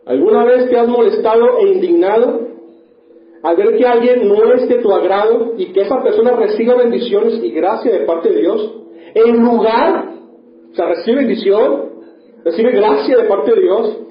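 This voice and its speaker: High-voiced preacher in an echoey hall. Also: male voice, normal speed. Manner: rhetorical questions, rising to mock indignation. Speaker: pastor. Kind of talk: sermon. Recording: echoey room, dull lo-fi sound.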